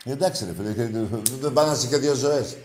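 A man's voice: medium pitch, a little mellow, echoey room. A man hosting a radio call-in show, teasing and mocking his callers in crude, casual banter.

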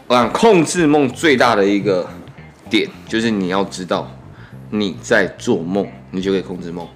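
A man's voice: lowish voice, moderate pace, faint music behind. A man in his twenties with a Taiwanese Mandarin accent hosts a casual, laid-back podcast chat, his articulation slightly muffled by braces on his teeth. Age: 20s. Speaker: podcast host.

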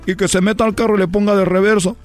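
A man voicing an excitable, boastful male baseball player, telling rambling tall tales in a comic radio sketch and shouting his catchphrases. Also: very fast, soft background music, close to an everyday voice. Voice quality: high, squealing delivery. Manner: rambling, shouting catchphrases, laughing at own jokes. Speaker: recurring comedy character on a radio show.

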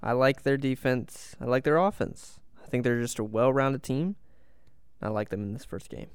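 Man, mid-pitched, very clean crisp voice, upbeat podcast chat, dry sound. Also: normal speed, no echo. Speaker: podcast co-host. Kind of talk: casual sports chat.

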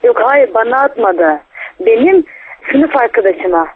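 A woman's voice: on the high side, sing-song, measured pace, slightly rough. A woman student speaking over a telephone line, answering questions hesitantly and often stopping to restart. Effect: heard over a telephone line. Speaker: student called in a prank phone call. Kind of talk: hesitant phone conversation. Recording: tinny phone line with crowd noise.

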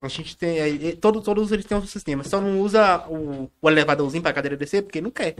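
Homem baiano de fala rápida e repetitiva. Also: male voice, a little high. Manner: halting, repeats words and phrases. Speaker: interview guest. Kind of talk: casual chat.

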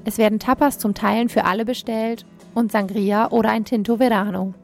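Young woman, gravelly radio voice, scripted travel report, soft music underneath. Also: fairly high pitch, steady tone, brisk. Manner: reads smoothly, addresses listeners directly.

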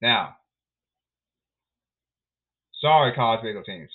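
A man's voice: lowish voice, animated, slow pace. A man hosting a solo sports podcast rundown, calling out in a repetitive, announcer-like way. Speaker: podcast host. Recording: tinny phone-like sound.

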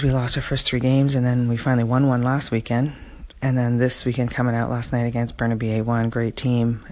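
Tired middle-aged guy rambling quietly, lots of ums, pretty flat monotone. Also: medium pitch. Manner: rambling, lots of ums and "anyways", speaks softly so his son can sleep. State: sleepy. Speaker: hockey parent vlogger. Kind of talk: casual spoken update.

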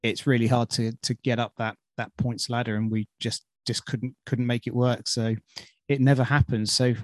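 A man's voice: mid-range voice, flat delivery, moderate pace, no room sound. A British man hosting a podcast in an informal, enthusiastic, chatty way. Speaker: podcast host. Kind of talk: casual chat.

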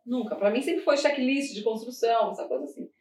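A Brazilian woman with a Brazilian Portuguese accent chatting casually, telling animated stories, laughing often and acting out what others said. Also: a little high, a little fast. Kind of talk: casual chat. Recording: roomy sound from a distant mic.

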